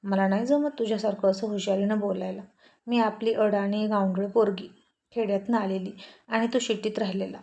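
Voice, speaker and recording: A shy young village bride , voiced by a woman narrator, speaks bashfully and pleadingly in a mellow, warm voice. The reading of a spoken romance story stays close to the narrator's own tone. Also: medium pitch, steady tone, normal speed, creaky, natural voice.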